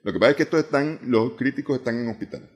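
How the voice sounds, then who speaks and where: A man with a Nicaraguan accent, an analyst on a talk show, speaking in a measured way and often repeating words as he works through figures. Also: mid-range voice. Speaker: political analyst guest.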